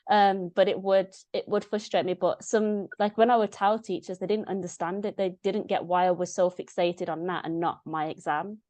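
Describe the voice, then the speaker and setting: A woman's voice: medium pitch, moderate pace, few pauses, no room sound. A young woman, chatting as a podcast guest, telling stories animatedly and quoting others. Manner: animated storytelling, quotes herself and others. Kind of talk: casual conversational interview.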